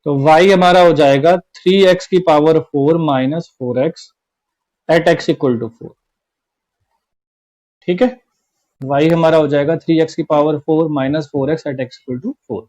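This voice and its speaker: A man's voice: fairly high pitch, fairly even intonation, slow, pauses often, darkish tone, poor audio. A man teaching a class-twelve maths lesson online, working through each step and repeating the key points. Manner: explains step by step, repeats each point, often says "theek hai".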